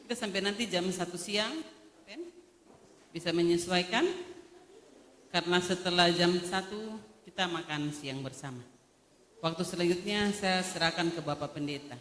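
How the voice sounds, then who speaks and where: A man's voice: high voice, normal speed, long pauses, a bit bright. A man acting as emcee, announcing the program politely and formally before handing over. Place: church hall. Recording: echoey hall, faint background noise.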